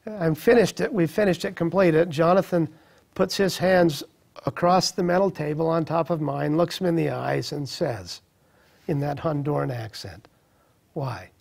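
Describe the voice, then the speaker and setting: A middle-aged man shares his personal story in an earnest, reflective way. His voice is gravelly and a little husky, with a slightly higher pitch than most men. He pauses and restarts as he recalls things. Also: a little mellow. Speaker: speaker sharing a personal testimony.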